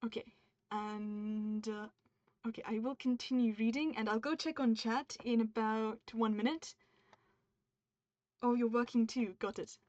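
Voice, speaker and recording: Reading her draft aloud on stream, a woman from the UK stops mid-sentence for edits and friendly, upbeat chat with viewers. Her voice is fairly high and darkish, measured in pace with fairly even intonation. The recording is dry, via a dull, muffled stream mic.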